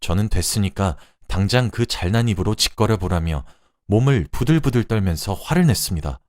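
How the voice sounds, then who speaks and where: A man narrating a radio drama story in the first person, with expressive delivery. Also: on the low side, a little fast, no room sound, clean studio sound.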